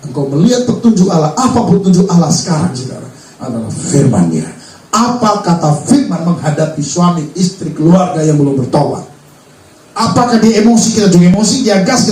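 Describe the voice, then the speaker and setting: A man preaches a sermon with a high, lively voice that swings up and down as he fires rhetorical questions at the congregation. He is picked up from a distance in a roomy church hall, with faint ambient noise behind him. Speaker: pastor. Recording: roomy hall sound from far off.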